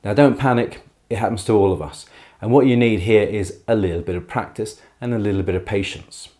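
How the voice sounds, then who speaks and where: A man giving a beginner guitar tutorial in a careful, unhurried way, patiently and reassuringly explaining each step. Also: fairly low pitch, dark tone. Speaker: guitar teacher. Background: acoustic guitar playing.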